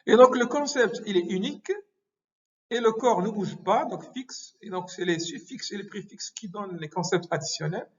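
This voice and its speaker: A man giving a medical lecture, halting often with hesitations and self-corrections. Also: sits high, expressive. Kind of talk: explanatory lecture. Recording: muffled lo-fi recording.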